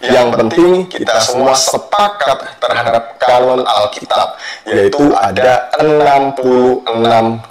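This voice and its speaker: Slow, measured man in a hall. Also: medium pitch. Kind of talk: formal explanatory debate talk. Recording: roomy hall with audience noise.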